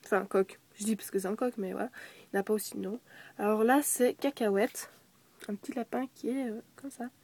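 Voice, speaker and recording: A woman's voice: medium pitch, fairly even intonation, a little fast, a little mellow, husky. A young girl showing her toy horse ranch in a casual show-and-tell, full of fillers, self-corrections and whispered asides.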